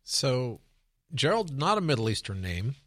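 A man's voice: medium pitch, sing-song, a little slow, a bit bright, no room sound. A man hosting an interview, asking probing follow-up questions with a wry edge. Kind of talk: conversational interview.

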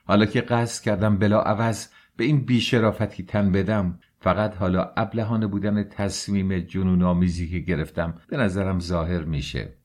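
A man's voice: on the low side, darkish tone, close to an everyday voice. A man reading a bitter, defiant young man. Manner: heated, arguing, bitter.

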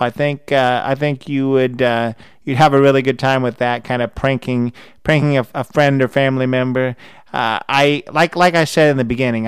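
Rambling male podcast host, smooth voice. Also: medium pitch, no room sound. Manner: rambling, with many restarts. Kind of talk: casual interview chat.

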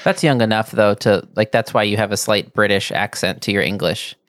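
Low-voiced man hosting a casual chat. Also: brisk, fairly bright tone, dry recording, studio quality. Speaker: host.

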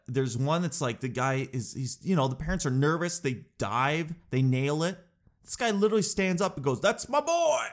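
A vlogger with a medium-pitched voice talks casually to his camera, his nose stuffed up from crying. He rambles in a chatty, self-mocking way, repeatedly tossing in "dude."

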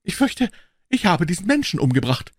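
A man's voice: high voice, very animated, normal speed, no room sound, voice pushed up. A man voicing a nervous, deferential lord with a raised, anxious, overly polite voice in a dry audiobook recording. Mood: agitated. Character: nervous, deferential middle-aged English lord.

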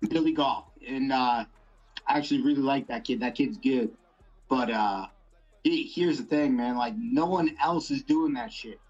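Blunt, profane young fighter. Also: male voice, medium pitch, normal speed, darkish tone, muffled recording, faint music behind. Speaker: MMA fighter guest. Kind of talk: casual interview.

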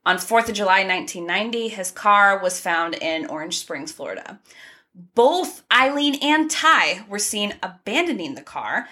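A woman's voice: medium pitch, lively intonation, moderate pace, pushed and bright. A woman co-hosting a casual true crime podcast, running through the case details in a chatty way with small asides. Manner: conversational, reads case facts with asides and laughs.

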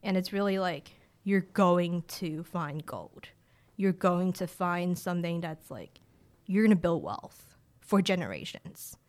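This chatty late-twenties woman from rural China, whose first language is a Chinese village language, speaks in a lowish voice at a measured pace. Appearing as a guest and director of family empowerment in a casual interview, she stays relaxed, with frequent "like" fillers and restarts.

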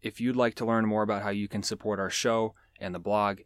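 A man's voice: lowish voice, little pitch movement, fairly quick, clear, resonant tone, no room sound, clean studio sound. A man hosting a nature show, explaining animal facts in a casual, joking way with chatty asides. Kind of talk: casual educational podcast talk.

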